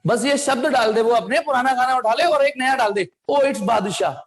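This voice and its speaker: A man's voice: very high-pitched, brisk. A man teaching a physics class, mixing Hindi with English terms and asking his students questions before answering them himself. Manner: playful asides, sound effects.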